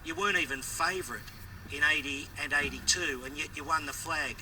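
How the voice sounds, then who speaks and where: Aussie male interviewer, pointed and direct, slightly raised pitch, off-mic with noticeable rumble. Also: a little fast, pushed and bright. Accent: Australian. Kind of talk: interview questioning. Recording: distant mic, clear background noise, vehicle rumble.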